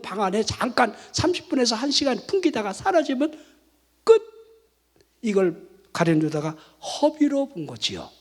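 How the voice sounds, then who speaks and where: A male pastor preaching a lively sermon at a night worship service, rousing the congregation with rhetorical questions and shouted responses. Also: very high-pitched. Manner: animated, exhorting with rhetorical questions.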